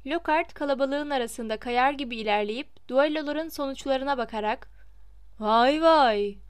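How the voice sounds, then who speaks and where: A woman's voice: high-pitched, moderate pace, dry recording. A woman narrating a novel as an audiobook, reading expressively at a close microphone.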